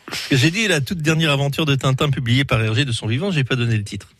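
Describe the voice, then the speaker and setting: A man's voice: medium pitch, fast talker, a bit bright, breathy edge, no room sound. A man hosting a radio quiz show in a playful, teasing way.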